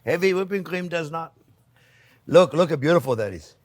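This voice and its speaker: Exuberant higher-pitched man. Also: expressive, moderate pace. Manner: exuberant, playful, repeats catchphrases, addresses audience as friends. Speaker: chef hosting a cooking channel. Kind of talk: casual cooking demonstration, talking to viewers.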